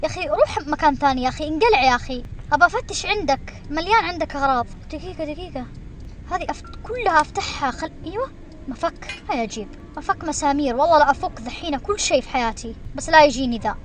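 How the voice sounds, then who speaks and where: A woman streamer giving excited commentary while she plays a game, shrieking when she is chased. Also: high-pitched, rapid-fire. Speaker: gaming streamer.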